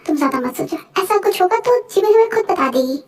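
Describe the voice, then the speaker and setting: A woman's voice: very high voice, lively intonation, fast talker, darkish tone, far from the mic, faint music behind. A woman voicing a protective, hot-tempered middle-aged father in a fan voice-over drama. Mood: calm. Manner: stern, protective.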